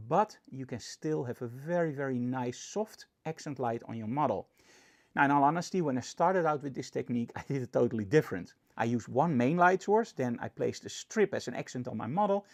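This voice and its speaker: A man teaching photography in a lively, explanatory presentation, with a Dutch accent. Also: medium pitch. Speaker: photography instructor. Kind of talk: presentation tutorial.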